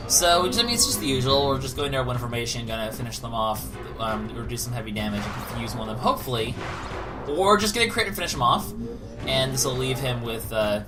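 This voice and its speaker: Male let's player, casual analytical rambler with very varied intonation, game music clearly behind him. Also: mid-range voice. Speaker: let's play host. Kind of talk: casual gameplay commentary.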